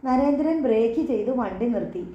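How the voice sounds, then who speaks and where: A woman reading a novel aloud in steady, measured narration. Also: fairly high pitch, echoey room, dull audio. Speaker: audiobook narrator. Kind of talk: scripted story narration.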